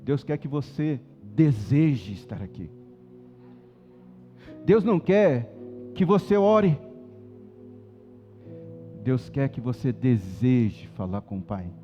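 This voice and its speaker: A man from Brazil preaching a sermon as pastor in a church, swinging from soft passages to loud, emphatic ones. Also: medium pitch, big pitch swings, slow pace, long pauses, big-room sound, muffled recording, soft background music. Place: church auditorium.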